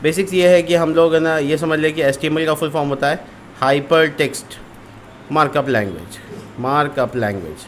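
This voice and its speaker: A man's voice: on the high side, brisk, fairly bright tone, slight background noise. A man teaching a screen-recorded programming lesson, explaining step by step with repeated terms and frequent fillers. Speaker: coding tutor.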